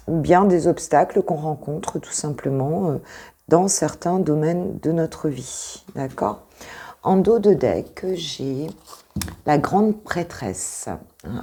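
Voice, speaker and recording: A woman's voice: deep voice, warm tone. A French woman coaching intuitively, talking casually through a tarot reading with many hesitations and repeated points.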